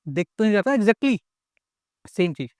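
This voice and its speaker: A man's voice: high-pitched, very animated, moderate pace, no room sound, studio quality. A young Indian man giving a casual astrology lecture, mixing English into his speech and asking rhetorical questions. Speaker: astrology teacher.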